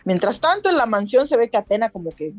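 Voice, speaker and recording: Woman, casual recap host, rambling, fairly high voice, dry sound. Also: sing-song, fast, no echo, soft background music. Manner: rambling, many restarts. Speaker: podcast host. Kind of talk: casual anime episode recap.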